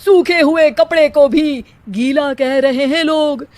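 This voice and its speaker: A cocky, idle young husband acted by a woman in a moral-story cartoon. The voice is high and theatrical, declaiming silly rhyming verse as if owed applause. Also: takes it slowly, a little mellow, no echo. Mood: self-pitying, boastful. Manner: theatrical, declaiming in rhymed couplets.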